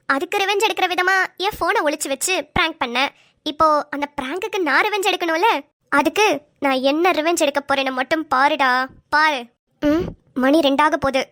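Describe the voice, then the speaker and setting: A woman's voice: sits high, sharp tone. A woman voicing a mischievous young wife in a cartoon, sly and speaking in a sugary mock-sweet way.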